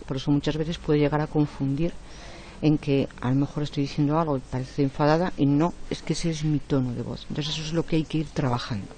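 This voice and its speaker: A woman teaches an online class. Her voice is strong and forceful. She explains each point patiently and checks in with short tag questions along the way. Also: low-pitched, steady tone, brisk, slight background noise. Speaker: lecturer. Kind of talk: online lecture.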